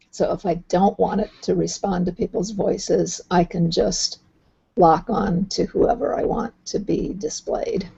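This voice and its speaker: A woman hosting a video call, patiently explaining how the software works and thinking aloud as she goes. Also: fairly low pitch, gravelly, slightly rough. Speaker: host. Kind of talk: casual explanatory chat. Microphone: computer mic on a video call. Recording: dull lo-fi online call audio.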